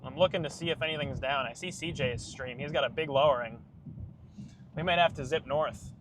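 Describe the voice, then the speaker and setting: A man's voice: fairly high pitch, fairly quick. Urgent male storm chaser, noisy moving car. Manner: urgent, anxious. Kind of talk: live storm-chasing commentary. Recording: clear vehicle and road noise. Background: vehicle noise.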